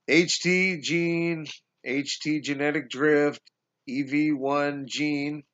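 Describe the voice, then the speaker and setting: Talking to viewers from home on a webcam, a man in his forties who runs a conspiracy vlog explains things in a casual monologue. He addresses them as "guys" and stumbles through fillers and restarts while coughing and going hoarse. His voice is a little high, pushed and bright, and the small-room recording is dull and lo-fi.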